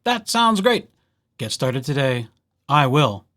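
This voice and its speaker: His medium-pitched voice is sing-song and fairly bright, and he takes his time. The man delivers casual scripted narration for a jokey library tutorial, speaking right to viewers and playfully performing imagined little dialogues.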